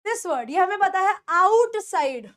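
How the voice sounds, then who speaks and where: Slow, high-voiced woman teaching pronunciation. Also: very animated, a bit bright. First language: Hindi. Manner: repeats words slowly, asks pupils questions. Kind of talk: classroom-style lesson.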